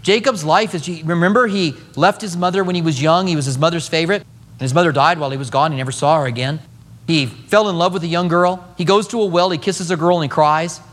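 A man's voice: a little high, fast talker, in a large hall. A middle-aged man preaching a sermon as pastor, telling stories with humor. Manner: animated storytelling with humor.

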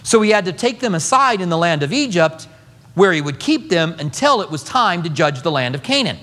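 High-voiced middle-aged guy preaching, jokey storytelling, big echoey hall. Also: a little fast. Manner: animated storytelling with humor. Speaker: pastor. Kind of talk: sermon.

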